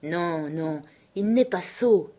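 A gruff, self-assured dog driver lays out his view with steady emphasis, as a woman reading aloud puts him on. It's an audiobook reading, the man slightly higher and louder than the narration around him. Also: slow pace. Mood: insistent. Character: male sled-dog driver, blunt, confident.

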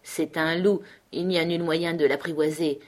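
A skeptical man speaks in short, doubtful phrases, voiced by a woman reading a novel aloud. It's an audiobook reading, and he stays close to her own low, even voice. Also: moderate pace. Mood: impatient. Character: male master, skeptical, impatient, then sad.

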